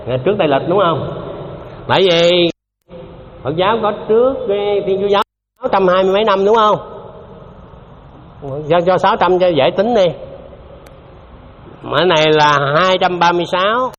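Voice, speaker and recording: In a dull, lo-fi hall recording with a little background noise, a man delivers a Buddhist dharma talk. His voice is high-pitched and somewhat bright, his pace moderate with long pauses. Chatty and repetitive, he keeps asking his listeners questions.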